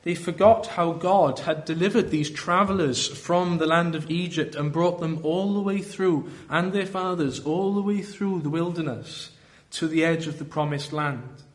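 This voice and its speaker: A man with a Welsh Valleys accent preaching a sermon in an earnest, deliberate way, often posing rhetorical questions. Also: a little high. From South Wales valleys.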